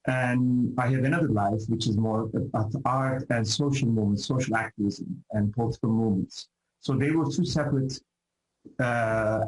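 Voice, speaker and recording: A man's voice: mid-range voice, a little mellow, reverberant, rough recording. A middle-aged man from Turkey with a Turkish accent, a professor answering interview questions in a hesitant, reflective way with many fillers and restarts. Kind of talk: thoughtful academic interview answers.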